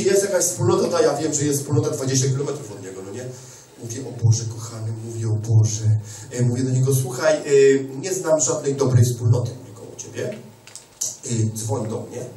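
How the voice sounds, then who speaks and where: High-voiced man preaching in echoey hall. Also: dark tone, a little hiss or hum. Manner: emphatic, conversational preaching with repeated words. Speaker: pastor. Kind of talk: sermon. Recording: echoey hall, mic at a distance.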